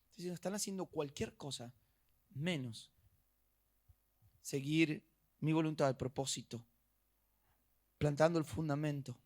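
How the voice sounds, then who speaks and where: Argentine guy preaching, middle aged, kinda high voice, gets loud then real quiet. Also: measured pace, long pauses. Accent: Argentine Spanish. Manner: animated preaching, acting out little dialogues, swinging from soft to loud. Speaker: pastor. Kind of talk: sermon.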